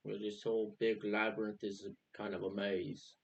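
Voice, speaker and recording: A man's voice: on the low side, flat delivery, normal speed, breathy edge, highs cut off. A man chatting casually as a player in a tabletop role-playing game.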